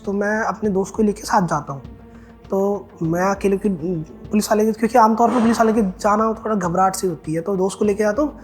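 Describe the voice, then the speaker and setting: A young man, a student, telling a personal story in an interview; he talks haltingly with restarts and acts out the dialogue he quotes. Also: high voice. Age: young adult. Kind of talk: recounting his own experience.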